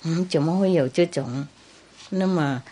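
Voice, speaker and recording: Low-voiced woman telling a story. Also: unhurried, warm tone. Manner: chatty, laughing, repetitive. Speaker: Buddhist master. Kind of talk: humorous storytelling sermon.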